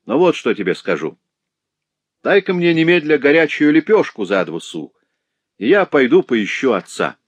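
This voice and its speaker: A man voicing a cruel, mocking lame street boy who shouts shrill taunts in an audiobook. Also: big pitch swings, moderate pace, slightly rough, no room sound.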